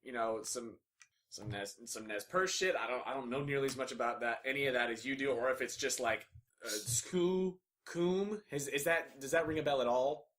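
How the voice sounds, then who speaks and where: A man voicing an earnest young man who is anxious and rushed and repeats himself apologetically, in a tabletop game. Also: mid-range voice, a bit bright, natural voice.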